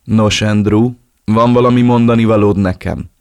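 A man's voice: fairly low pitch, steady tone, a little mellow, smooth, no echo, clean studio sound, natural voice. A man reading an audiobook, voicing a cruel old drug cartel boss who gives orders in a menacing, commanding way.

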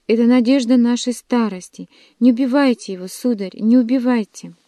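A woman's voice: fairly high pitch, brisk, warm tone, no echo, voice pushed up, natural voice. A woman reading aloud and voicing an elderly mother wailing in anguish for her son. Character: grieving elderly mother crying out.

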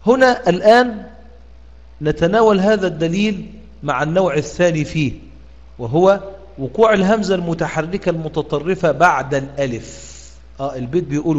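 A man with an Egyptian accent teaches the rules of Quran recitation, his voice a touch higher than most. He keeps asking his listeners "what?" and slowly stretches out the sample words he recites. The audio is dull and lo-fi, with a long, hall-like reverb trailing each phrase. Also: expressive, a little mellow. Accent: Egyptian Arabic. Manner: questioning, pausing with "what?" for students to answer; drawn-out demonstrative recitation of words. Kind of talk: explaining Quran reading rules to students.

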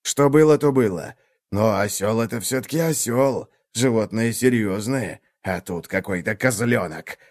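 A man's voice: lowish voice, unhurried, lightly acted. A man doing a hungry, blustering wolf. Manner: growling, boastful, shouting threats. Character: hungry, blustering male wolf, easily tricked.

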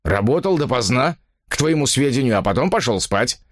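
A man's voice: medium pitch, very animated, fairly quick, no room sound. A man voicing a cold, irritable writer who answers curtly and impatiently, in an audiobook story. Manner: curt, impatient.

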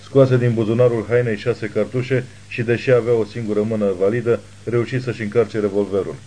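Low-voiced male audiobook narrator. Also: level tone, mellow, rough recording. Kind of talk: scripted narration.

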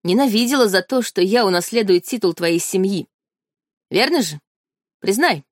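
A woman's voice: medium pitch, expressive, normal speed, dry recording, clean studio sound, natural voice. A woman voicing an angry young nobleman who turns on his sister with spite and scorn, in a read-aloud story. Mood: bitter. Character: furious young nobleman, hateful, menacing brother.

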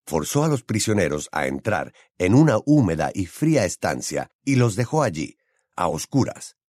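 Man, audiobook narration, lively intonation, dry close recording. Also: sits low, moderate pace, no echo. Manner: expressive, varied intonation.

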